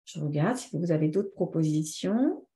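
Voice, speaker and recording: A woman trainer giving a live online lesson, lively and answering viewers' comments by name. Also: deep voice, normal speed, reverberant. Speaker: teacher trainer.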